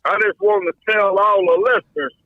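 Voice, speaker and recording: A man's voice: high voice, normal speed, dry recording. A man calling in on a phone on speaker, telling a folksy, teasing story in casual chat. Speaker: caller. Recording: muffled phone-line call.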